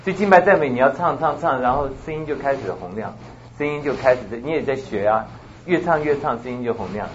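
A man teaching a church class in a loud, booming voice, chatting casually and mixing in English words. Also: dull audio, slight background noise. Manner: lively, quick, mixes in English words.

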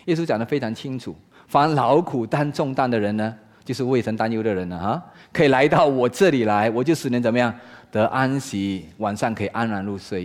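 A man preaching a sermon in Mandarin, asking rhetorical questions and swinging between loud exclaiming and hushed talk. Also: mid-range voice. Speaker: pastor.

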